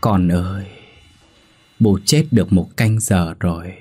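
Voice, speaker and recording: A man voicing the ghost of an old mother-in-law in a horror story, speaking in a deep, hollow, strained voice. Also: unhurried, breathy edge. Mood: mournful. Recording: soft background music.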